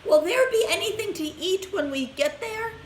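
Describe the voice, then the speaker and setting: Woman putting on a shrill, cranky old grandmother for a storybook, roomy sound. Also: expressive, normal speed. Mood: pleading. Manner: shrieking, complaining. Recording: roomy echo, faint hiss.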